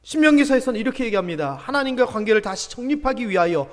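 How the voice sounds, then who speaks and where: A male pastor with a Gyeongsang accent, preaching a Sunday sermon in a church, emphatic, moving between loud calls and hushed near-whispers. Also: extremely high pitch, big pitch swings, fast. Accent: Gyeongsang Korean. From Gyeongsang region, Korea. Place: church sanctuary. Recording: long church hall reverb.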